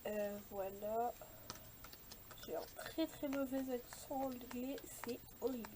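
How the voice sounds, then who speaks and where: A young woman with a high, light voice talks viewers through a scrapbooking page at an unhurried pace. She hesitates often, trailing off and restarting her sentences, with a faint hiss of noise behind her. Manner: hesitant, many fillers and restarts. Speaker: scrapbooking vlogger. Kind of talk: casual craft tutorial chat.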